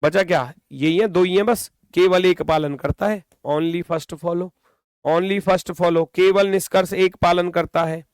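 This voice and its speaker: A man teaches an online reasoning class in a high, smooth, resonant voice. He goes over each step again and again and scolds his students now and then. The sound is dry and close. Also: fairly even intonation, takes it slowly, no echo. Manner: scolding, repetitive explaining.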